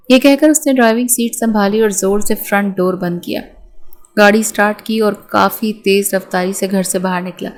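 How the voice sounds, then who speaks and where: A woman reading a romance novel aloud as an audiobook narrator, in a steady storytelling manner. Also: mid-range voice.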